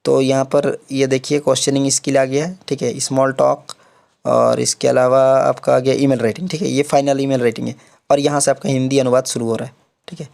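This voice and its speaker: A man's voice: medium pitch, flat delivery, a little fast, gravelly, darkish tone. A young man giving a casual exam-prep lecture, filling his explanations with repeated check-ins and English terms. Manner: repeats "theek hai" often, mixes English terms into Hindi. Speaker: online exam-prep tutor.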